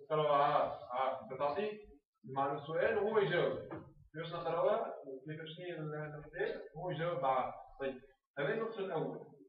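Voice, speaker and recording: A man instructs teachers on reading drills, repeating words slowly and clearly. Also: a little high, animated. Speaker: teacher trainer. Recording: echoey room, far off, phone-like sound.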